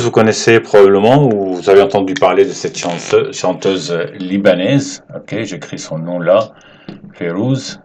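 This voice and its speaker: A man teaching Arabic letters at a whiteboard, explaining slowly and patiently and checking in with his students often. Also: lowish voice, darkish tone. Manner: slow and patient, checks in with "d'accord?". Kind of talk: whiteboard language lesson.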